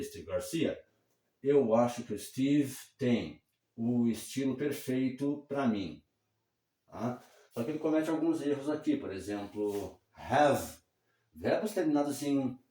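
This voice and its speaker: A man's voice: medium pitch, dark tone. Echoey male English teacher explaining. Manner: patient, repeats words slowly for pronunciation; checks in often with short tags. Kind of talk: explaining English pronunciation and grammar. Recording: echoey room, somewhat far from the mic.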